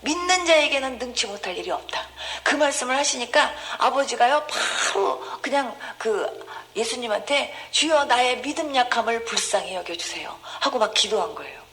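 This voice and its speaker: Woman pastor, sermon with testimony, earnest storytelling, slightly high-pitched voice, acted-out quotes. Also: lively intonation, moderate pace, few pauses, a bit bright, rough recording. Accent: Gyeongsang Korean.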